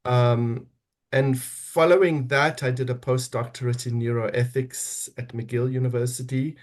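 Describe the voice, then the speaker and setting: Speaking at a measured pace in a mid-range voice with fairly even intonation, this middle-aged South African podcast guest gives reflective interview talk. His accent is South African, and he frequently starts over as he hunts for the right words.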